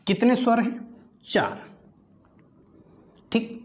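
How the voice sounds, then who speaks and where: Very high-pitched yet darkish in tone, a man expressively drills grammar for an exam-prep class in a roomy-sounding space. He asks questions and supplies the answers himself, repeating terms and working slowly and deliberately through each item.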